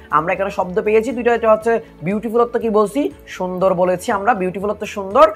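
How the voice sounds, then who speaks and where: A woman's voice: fairly low pitch, slightly rough. A woman teaching an English lesson, going through a paragraph word by word and quizzing her listeners with questions before repeating the answers.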